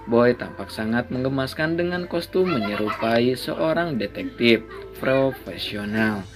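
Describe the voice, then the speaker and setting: A man narrating a storybook at a middling pitch, steady and measured. Faint music plays under his voice. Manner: steady, measured reading with small slips.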